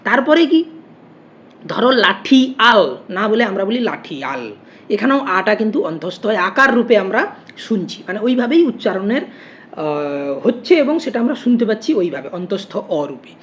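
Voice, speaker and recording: In an online grammar class, a female teacher with a mid-range voice speaks fairly quickly and animatedly, breaking things down step by step. She asks questions and answers them herself, heard through a muffled lo-fi recording with faint noise.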